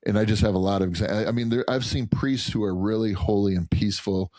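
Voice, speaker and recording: A man's voice: lowish voice, steady tone, fast, darkish tone, dry recording. A man speaking as a podcast guest, earnest and rambling, restarting his sentences in casual conversation.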